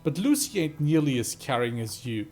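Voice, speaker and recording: A man's voice: on the high side, very animated, moderate pace, a little mellow, soft background music. A man voicing a laid-back, tired female veteran trucker in a game, reading her lines in an easygoing, self-deprecating way. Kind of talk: reading game dialogue aloud.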